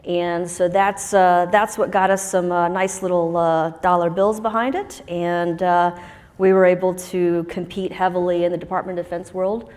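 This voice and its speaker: A woman's voice: lowish voice, little pitch movement, normal speed, a little mellow. Chatty woman panelist in a reverberant hall. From Huntsville, Alabama, US. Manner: chatty, self-deprecating, filler-heavy. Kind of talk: conference panel talk. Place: conference stage with long hall reverb.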